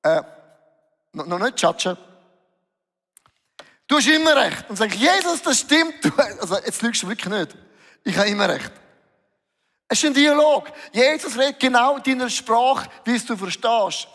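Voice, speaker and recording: Male preacher, emotive and animated, raised pitch, recorded in a reverberant hall. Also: normal speed. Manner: lively, emotional, acts out dialogues with Jesus. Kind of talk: sermon.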